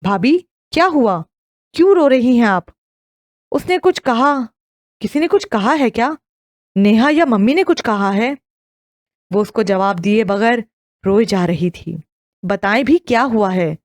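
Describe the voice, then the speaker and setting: Woman plays a cheerful young man in an audio novel, teasing and anxious, a bit high, dry read. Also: lively intonation, pauses often, no echo, lightly acted. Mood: worried. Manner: teasing, then anxious questioning.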